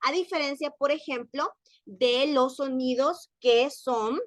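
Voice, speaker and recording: Mujer profesora, habla lenta y paciente. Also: female voice, high-pitched, dry recording. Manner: slow and patient, repeats example words, checks in with "¿ok?". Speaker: French teacher. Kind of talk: online class lecture.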